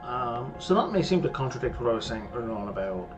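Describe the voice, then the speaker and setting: Talking fast with big swings in his medium-pitched voice, a man casually streams a mystery game. He mutters, thinks out loud, and fills in history as he plays, while game music runs underneath this let's-play.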